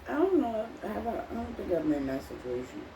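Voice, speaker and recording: A woman co-hosting a mukbang, talking casually and quick to push back. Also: mid-range voice, sing-song, recorded from a distance, crowd noise. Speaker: mukbang co-host. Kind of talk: casual chat while eating. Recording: echoey room with faint ambient noise.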